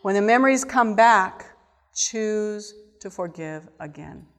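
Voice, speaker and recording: A woman giving a sermon-style teaching to a group, animated, moving between hushed and emphatic delivery. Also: medium pitch, slow pace. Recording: long reverb of a hall.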